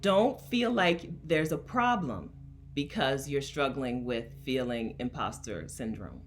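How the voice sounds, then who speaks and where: A coach from Delaware, USA hosts a casual livestream, chatting emphatically with her chat and laughing often. Her voice is very deep and animated, and she speaks slowly over soft background music.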